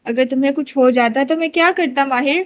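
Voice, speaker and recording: Woman reading grieving young man, pleading, guilty, high voice, audiobook novel. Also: muffled recording, natural voice. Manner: pleading, emotional confession.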